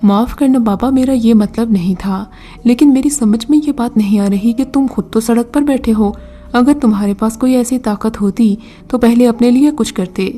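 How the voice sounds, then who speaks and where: A woman's voice: fairly high pitch, dark tone, natural voice. A woman voicing a poor, desperate young man who pleads in a flustered way in a storybook reading. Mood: pleading.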